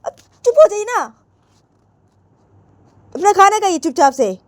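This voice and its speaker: A woman doing a cranky sick father, high and shrill. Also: sing-song, measured pace, no room sound, full character voice. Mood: fed up. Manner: scolding, repeats himself. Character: irritable sick father snapping at family.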